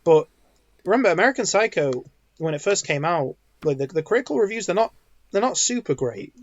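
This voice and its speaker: A man's voice: high voice, animated, brisk, no room sound, dull audio. A man co-hosting a podcast in casual chat, rambling and restarting his sentences often. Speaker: podcast co-host.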